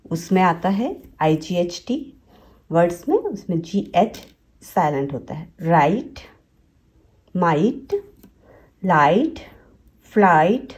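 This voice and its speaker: A woman explains spelling rules in a slow, deliberate lesson. Her voice is mellow and unhurried. She pauses to repeat each example word so learners can follow. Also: lowish voice. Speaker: English teacher.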